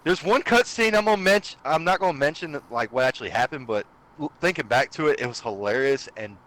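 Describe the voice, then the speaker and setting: A man's voice: fairly high pitch, lively intonation, fast, fairly bright tone, low-quality recording. Eager guy explaining a game. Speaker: guest streamer. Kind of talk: casual podcast chat.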